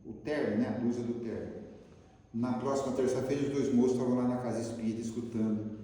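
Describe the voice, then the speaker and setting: A man's voice: medium pitch, quick pace, recorded from a distance. Man with a Brazilian accent lecturing in a hall. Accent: Brazilian Portuguese. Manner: lively storyteller, asks the audience questions. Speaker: lecturer at a spiritist center. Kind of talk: spiritist lecture with storytelling. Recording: echoey hall, voice from afar.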